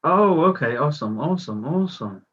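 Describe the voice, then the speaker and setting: A friendly, slangy man from England chats on a stream call. His voice has a husky edge, and the call audio is dull and muffled. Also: fairly high pitch, expressive, a little fast, a bit bright. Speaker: caller. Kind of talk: casual chat.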